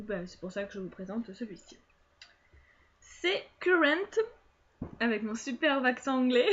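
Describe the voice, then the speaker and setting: A young woman with a fairly high voice talks casually to her camera, pausing often with fillers as she chats along. The sound is a bit dull and lo-fi, picked up by the camera mic. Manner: chatty, many hesitations and fillers. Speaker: book vlogger.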